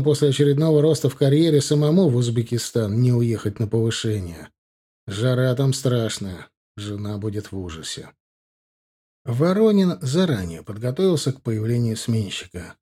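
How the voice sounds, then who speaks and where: A man reading an audiobook in a measured, slightly wry narrating voice. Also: medium pitch, warm tone, slightly rough. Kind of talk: scripted narration.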